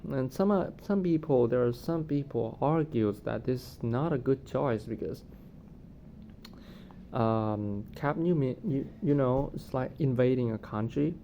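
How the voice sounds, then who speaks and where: Halting man, slightly mellow, over rumbling noise. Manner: hesitant, halting, searching for words. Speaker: vlogger giving commentary. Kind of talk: casual unscripted commentary on current events. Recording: noticeable low rumbling background noise.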